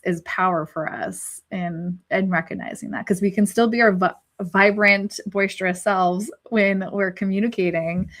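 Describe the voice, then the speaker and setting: A woman who is five months pregnant hosts a live panel discussion, her voice on the low side and a bit bright. She speaks reflectively, searching for words and restarting often.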